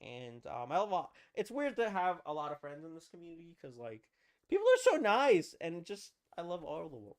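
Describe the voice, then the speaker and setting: A young adult live-stream host in casual chat with viewers, playful and animated, often repeating short phrases. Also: mid-range voice, normal speed. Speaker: livestream host.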